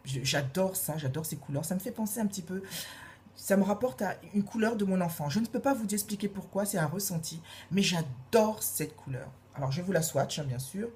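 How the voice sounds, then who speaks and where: A woman reviewing makeup in a casual, gushing way, repeating her praise and filling pauses with hesitations. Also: on the low side, expressive, darkish tone, slight background noise. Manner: gushing, repeats praise words, many fillers. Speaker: beauty vlogger.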